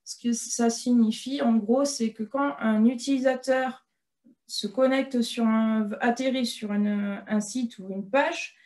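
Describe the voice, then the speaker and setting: A woman presenting an online webinar, explaining step by step with frequent hesitant filler pauses. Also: fairly high pitch, fairly even intonation, darkish tone.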